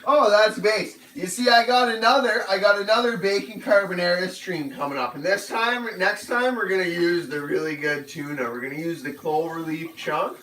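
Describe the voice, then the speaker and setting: An easygoing man talks through his cooking on a livestream and wanders off on tangents between steps. His voice sits a little on the high side, and faint room noise hums underneath. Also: moderate pace, hardly any pauses, sharp tone, low-quality recording. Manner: rambling, easygoing, explains each step. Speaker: cooking stream host. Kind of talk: casual cooking demonstration.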